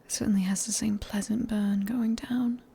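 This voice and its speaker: A British woman playing a seductive, sadistic female vampire in an ASMR roleplay, speaking in a breathy near-whisper with slow, teasing politeness. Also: mid-range voice, steady tone, warm tone. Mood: coaxing, teasing.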